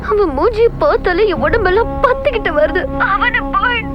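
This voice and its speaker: A woman's voice: extremely high pitch, animated, fairly quick. An actress playing a frightened young woman who talks tearfully about her forced marriage in a film scene. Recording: muffled film audio with loud music.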